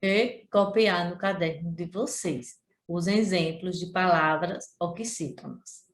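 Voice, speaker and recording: A woman teacher from Sergipe with a Brazilian accent, giving a remote lesson to children, repeating points and drawing out syllables. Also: lowish voice. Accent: Brazilian Portuguese, Sergipe. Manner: slow, drawn-out syllables when pronouncing example words; addresses pupils directly, repeats points. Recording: echoey room.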